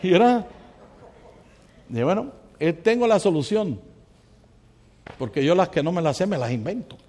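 A male pastor preaching a sermon with lively energy, often asking the congregation questions and telling personal anecdotes. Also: high-pitched, normal speed. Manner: animated, asks the congregation questions, tells anecdotes. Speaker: pastor and counselor.

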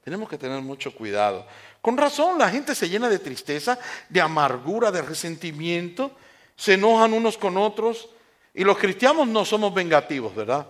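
Male preacher, high lively voice, emphatic sermon delivery with soft asides, church setting. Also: normal speed. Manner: animated, shifts between loud emphatic lines and soft asides; uses mocking voices for quoted people.

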